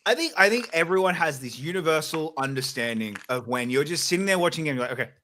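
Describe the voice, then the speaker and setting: A man with a bright, clear-edged voice chats loosely about football on a podcast. He hedges, restarts and fills with "like" and "um" as he works through his points. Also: a little high, expressive, quick pace, slight background noise. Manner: hesitant, many fillers and restarts. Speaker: podcast co-host. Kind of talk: casual sports chat.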